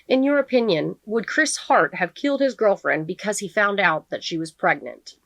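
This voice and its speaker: A woman voicing a confident young male defense attorney who talks smoothly and a bit cockily. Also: mid-range voice, animated, moderate pace, fairly bright tone, no room sound.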